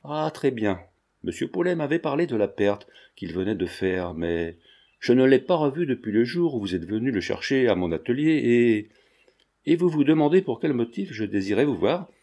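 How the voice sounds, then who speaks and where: A man's voice: mid-range voice, very animated, normal speed, mellow. A man voicing an earnest, serious young painter who speaks sincerely.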